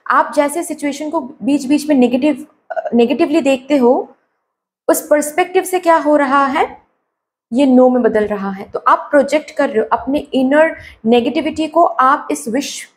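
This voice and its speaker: High-voiced woman with a sore throat. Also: unhurried. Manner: advising, mixes English phrases, keeps asking "okay?". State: sore throat, slightly hoarse. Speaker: tarot card reader. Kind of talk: tarot reading addressed to viewers.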